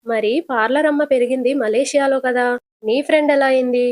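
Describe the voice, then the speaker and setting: A woman puts on a teasing young cab driver from a retold TV serial. He pokes and pries at his passenger in a slightly high, dry-sounding voice, short and blunt. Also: fairly quick, a little mellow, no room sound, close to an everyday voice. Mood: prying. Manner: teasing, probing questions.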